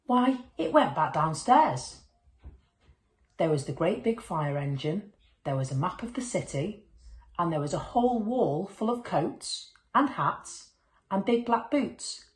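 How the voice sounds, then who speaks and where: At a measured pace and a fairly low pitch, a woman tells a children's picture book story aloud. She expressively dramatizes the dialogue and sound words as she goes, in a room that echoes.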